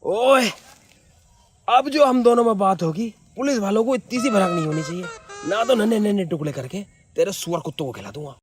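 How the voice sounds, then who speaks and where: A man acting in a comic film spoof, loudly calling out "oye" as he speaks. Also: sits high, expressive, fairly quick, background noise. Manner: loud, calls out "oye" often. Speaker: spoof actor playing father. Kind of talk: comedic Hindi spoof acting.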